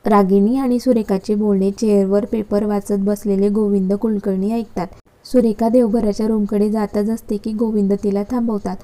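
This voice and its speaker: Mellow-voiced woman narrating a story. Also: medium pitch, moderate pace. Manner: steady, even storytelling read.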